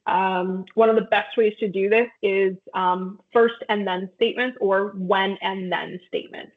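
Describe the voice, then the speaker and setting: Patient woman presenter, tinny audio. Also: mid-range voice. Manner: patient, explanatory, frequent ums. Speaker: parenting workshop presenter. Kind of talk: online workshop talk. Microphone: video call.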